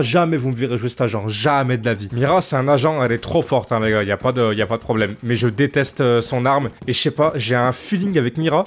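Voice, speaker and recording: A man commenting on his own gameplay in a casual, animated way, his slightly high voice swinging up and down as he grumbles at his teammates. He sounds exasperated and talks straight to his viewers. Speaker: gaming video creator. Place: home gaming setup.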